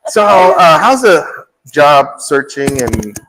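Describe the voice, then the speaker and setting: In a rough recording, a man in his fifties hosts a live lifestyle show from an indoor studio set with a painting behind him. He sounds very animated yet speaks slowly, with a fairly bright tone, teasing his co-host in playful, joking banter and jumping high in pitch whenever he cracks a joke.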